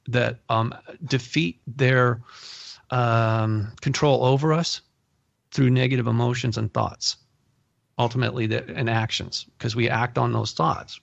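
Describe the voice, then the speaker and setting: A man hosting an interview, telling animated personal stories and laughing often as he talks. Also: medium pitch, gravelly, slightly rough, no room sound, muffled recording. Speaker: podcast host. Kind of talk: casual interview storytelling.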